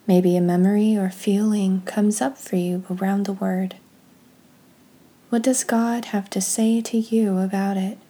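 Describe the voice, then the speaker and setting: This woman's soft, husky, breathy voice stays at medium pitch with little movement as she reads scripture and guides a prayer. Her delivery is quiet, slow, and meditative.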